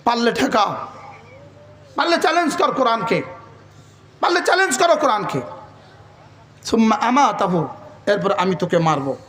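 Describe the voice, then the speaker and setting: Guy preaching loud and fiery, really high voice, echoey pa sound. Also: big pitch swings, moderate pace, long pauses, slight background noise. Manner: fiery, calls out to the crowd; quotes Arabic verses in a chant. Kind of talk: Bengali waz sermon.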